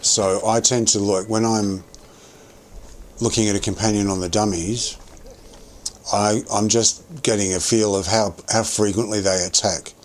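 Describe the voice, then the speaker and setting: A man's voice: lowish voice, steady tone, unhurried, slight background noise. A man streaming a game and chatting casually, thinking aloud with lots of restarts while chewing gum. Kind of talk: casual gameplay commentary.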